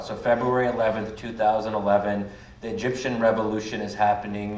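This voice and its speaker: Low-voiced man in an echoey hall. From United States. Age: 30s. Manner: reflective, many um fillers. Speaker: panel guest. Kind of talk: public panel talk. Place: public event hall. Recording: echoey hall, mic at a distance, faint noise.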